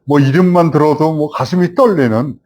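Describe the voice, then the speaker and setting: A man in his seventies, a film director, telling a host stories from his past and growing animated as he recalls it. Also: fairly high pitch, moderate pace. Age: 70s. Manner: animated storyteller, rising when recalling the past. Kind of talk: reminiscing storytelling.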